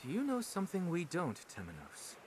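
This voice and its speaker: An earnest young-sounding knight of the faith in a video game. He is formal and dramatic, slightly high with wide intonation, over a faint hiss. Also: huge pitch swings, fairly quick, darkish tone. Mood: grave, formal. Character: earnest, urgent male holy knight. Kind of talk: scripted video game voice acting.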